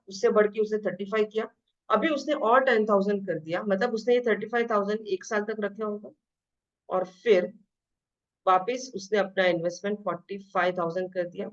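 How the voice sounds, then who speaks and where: Female maths tutor, code-switching, reads problems slowly, mid-pitched voice, dull lo-fi audio. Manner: mixes Hindi and English, reads questions slowly, explains quickly. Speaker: math teacher. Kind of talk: exam-prep math lesson. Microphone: screen-share voice recording.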